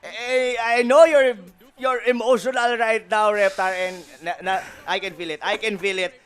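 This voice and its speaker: A man with a Filipino accent giving excited live commentary on an esports match. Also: high-pitched, moderate pace. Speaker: esports caster.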